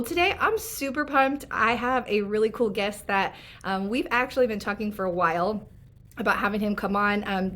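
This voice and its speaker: A woman hosting a faith podcast, chatty, upbeat and teasing with her guest. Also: mid-range voice. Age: adult, former children's ministry leader. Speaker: podcast host. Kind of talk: casual podcast chat.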